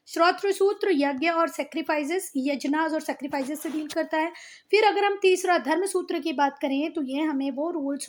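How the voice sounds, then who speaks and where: A woman with a high, light voice teaches a class, writing as she talks and going back over each term several times. She asks her pupils questions and answers them herself, calling them "beta" in a friendly, everyday tone. Her speech. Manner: talks to pupils as "beta" and "bhaiya", repeats and drills words. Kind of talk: classroom lesson with board writing.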